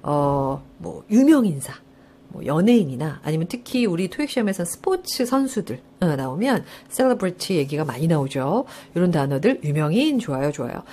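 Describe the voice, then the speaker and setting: A woman lecturer teaching a live online English test class, her voice swooping up and down in pitch. She keeps asking students questions and answering them herself, often laughing as she explains. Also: big pitch swings, moderate pace, warm tone, slightly rough.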